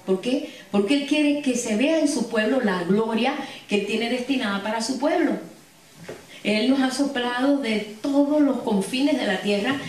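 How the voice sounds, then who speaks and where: A woman's voice: fairly high pitch, a little slow, a little mellow. A woman preaching a sermon and telling stories to her congregation with frequent asides. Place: church hall. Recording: echoey hall, distant mic.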